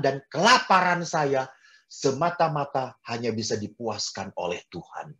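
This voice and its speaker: Animated male priest preaching. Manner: animated, with sharp swings in pitch and loudness; repeats words for emphasis. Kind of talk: sermon.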